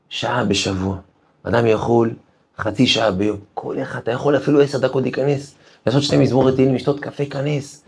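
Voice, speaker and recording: A man's voice: mid-range voice, vocal fry, slightly rough. A man, a rabbi, giving an emphatic Torah lesson. He tells stories, asks his listeners rhetorical questions and builds to fervent peaks. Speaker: rabbi teaching a weekly class. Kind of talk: Torah lesson with sermon-like exhortation.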